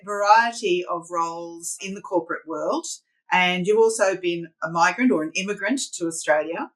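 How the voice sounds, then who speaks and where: A woman's voice: lowish voice, fairly bright tone, poor audio. A woman hosting an interview, posing a formal, prepared question to her guest. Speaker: host.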